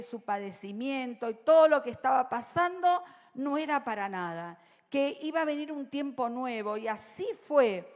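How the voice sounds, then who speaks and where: A woman pastor with an Argentine Rioplatense accent, preaching a sermon to a congregation and often checking in with "¿sí?", her voice swinging between loud and soft. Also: on the high side. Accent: Rioplatense Spanish. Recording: long reverb of a church hall.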